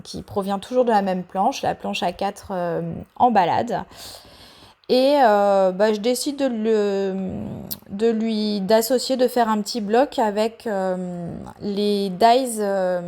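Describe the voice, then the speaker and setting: A woman talking through a paper craft tutorial in a voice-over, hesitant, with many pauses and fillers, explaining each step patiently. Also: mid-range voice, warm tone.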